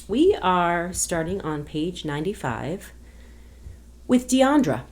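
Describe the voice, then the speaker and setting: A woman reading a novel aloud to a class as a guest reader, in an expressive storytelling manner. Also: low-pitched, normal speed.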